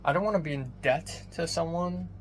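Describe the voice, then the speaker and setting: A young man rambling through a casual personal vlog, swearing casually, his voice thin with no bass on a phone microphone. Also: brisk. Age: young adult. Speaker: vlogger. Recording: thin bassless phone mic, background noise.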